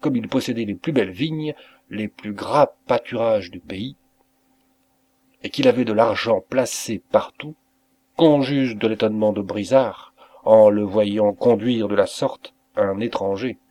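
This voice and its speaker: A man narrating a literary story as an audiobook reader, with a measured, expressive delivery. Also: lowish voice. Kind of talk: scripted narration.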